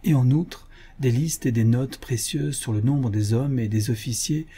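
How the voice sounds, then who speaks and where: A man reading an adventure novel aloud as an audiobook, in measured, even narration. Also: mid-range voice, slightly rough. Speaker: audiobook reader. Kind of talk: scripted narration.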